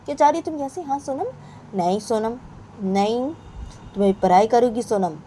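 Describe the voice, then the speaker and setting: A woman's voice: on the high side, moderate pace, warm tone, a little hiss or hum, voice pushed up, close to an everyday voice. A woman voicing a strict mother who scolds and orders her child to study. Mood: scolding. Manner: scolding, bossy, repetitive.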